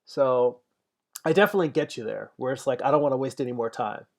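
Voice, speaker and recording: A digital painter in his forties streams his work, talking casually in a medium-pitched voice with a gravelly, creaky edge and a quick pace. He thinks aloud as he paints and chats back to viewer comments between strokes.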